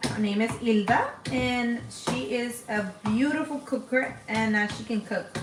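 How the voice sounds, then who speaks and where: A woman's voice: fairly high pitch, a little slow, echoey room, noisy background. Chatty woman in her forties cooking live. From Dominican Republic. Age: 40s. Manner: chatty, talks to viewers while cooking. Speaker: cooking channel host. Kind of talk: casual live cooking stream. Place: home kitchen.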